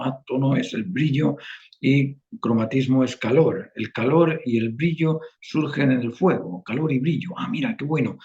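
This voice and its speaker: A man's voice: mid-range voice, creaky, a little mellow, muffled recording. A man from Spain with a Spanish accent, teaching a one-on-one online painting class and often checking in with "eh?" as he explains. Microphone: video call.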